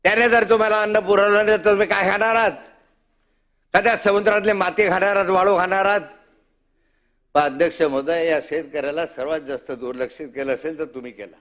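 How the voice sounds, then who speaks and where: A man's voice: high-pitched, steady tone, a little fast, a bit bright. A male legislator giving an impassioned, rhetorical assembly speech, accusing the government in a fiery tone. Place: state legislative assembly chamber.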